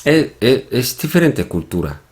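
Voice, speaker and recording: A man teaching a Korean lesson from slides, explaining slowly with pauses and soft hums. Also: mid-range voice, sing-song. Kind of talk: slide-based language lesson.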